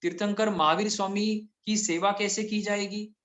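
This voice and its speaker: A man giving a Jain scripture discourse, explaining terms slowly and repeating key words. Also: high voice, flat delivery, a bit bright.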